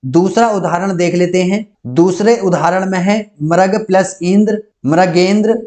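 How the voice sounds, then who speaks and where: A man with a fairly high voice teaches an online grammar class. He works through every rule and example in the same patient, step-by-step way, speaking close to the mic. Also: a little mellow. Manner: methodical, repeats each rule step by step.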